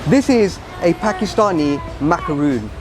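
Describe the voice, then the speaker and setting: This travel and food vlogger talks casually to his audience on location among crowded streets and shops, his voice on the high side, animated, and at an ordinary pace. The outdoor recording carries background music plus traffic and city noise.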